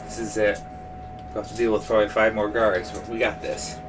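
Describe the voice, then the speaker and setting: A man playing a tabletop game, eagerly planning his moves out loud. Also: fairly low pitch, completely flat delivery, fairly quick, recorded from a distance, over music. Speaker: player. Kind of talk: casual game talk.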